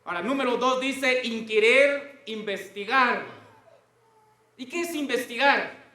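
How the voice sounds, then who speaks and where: A man's voice: very high-pitched, unhurried, sharp tone, echoey room. A man preaching a sermon to a congregation, often stopping to ask them questions.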